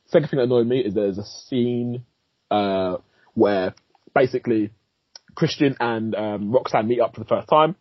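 A man co-hosting a podcast, giving a casual film review, animated, swearing freely and laughing often. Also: medium pitch, normal speed, dry recording, dull audio. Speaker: podcast co-host, film critic.

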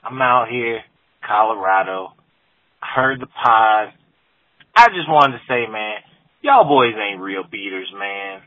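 Low-voiced man on a payphone call. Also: animated, slow, long pauses. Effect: payphone collect call over a phone line. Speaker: caller. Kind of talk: casual call-in message. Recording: tinny phone line.

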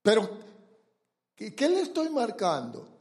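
A man's voice: sits high, wildly swooping pitch, a little slow, darkish tone. A man preaching a sermon, emphatic, asking his congregation rhetorical questions and acting out quoted voices.

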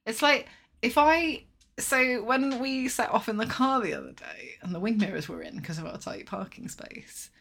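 A woman co-hosting a podcast in casual chat, talking quickly over her partner with frequent restarts. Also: a little high, lively intonation, vocal fry, a bit bright. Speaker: podcast co-host.

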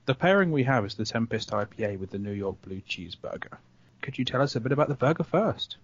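A man's voice: mid-range voice, expressive, quick pace, highs cut off. A man co-hosting a podcast, joking and punning in casual chat. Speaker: podcast co-host.

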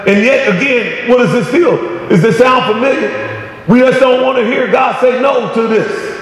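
A man preaching a sermon, calling out to the congregation and rising to shouts on key points. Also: extremely high pitch, moderate pace. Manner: call-and-response preaching, "come on, somebody". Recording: echoey hall with long reverb.

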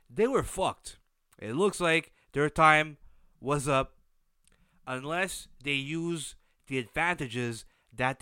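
A man's voice: mid-range voice, pushed and bright, clean tone, dry recording, studio quality. A man with a nasal, stuffed-up voice from a blocked nose, giving a casual recap as a solo host with emphatic delivery. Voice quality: nasal, congested. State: blocked nose from sinus issues.

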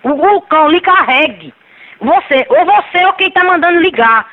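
A woman's voice: very high voice, animated, moderate pace. A woman heard over a phone line, talking in an indignant, scolding way. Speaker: prank call victim.

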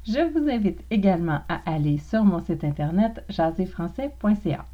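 A woman with a Québécois accent teaching French pronunciation in a podcast lesson, speaking slowly and carefully and demonstrating sounds one at a time. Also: lowish voice, lively intonation, highs cut off.

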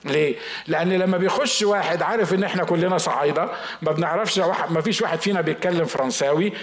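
A man's voice: on the high side, very fast, echoey room. A man with an Egyptian Arabic accent, a pastor preaching a sermon in a casual, conversational way. He keeps asking the congregation rhetorical questions.

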